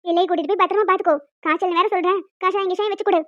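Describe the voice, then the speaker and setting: Woman doing shrill, fast cartoon village women. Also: steady tone, no echo. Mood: dramatic. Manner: fast, dramatic, scolding and tearful. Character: village women and a young daughter, emotional. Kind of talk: cartoon voice acting. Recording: dull, dry lo-fi recording.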